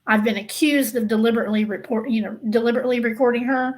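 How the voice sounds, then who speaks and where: The recording is low quality, and the host's slightly high voice races along with fairly even intonation. She runs a casual true-crime gossip stream, addressing viewers emphatically and repeating herself to make points stick.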